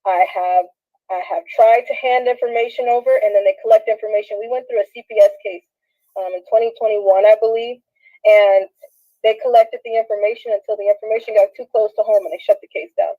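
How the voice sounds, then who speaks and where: Here the same kind of direct-to-camera vlog monologue comes in a fairly high, steady voice at a fairly quick clip: a Southern Californian woman in her thirties, slangy and rambling, shaky as she laughs through tears. The audio is dull lo-fi phone sound.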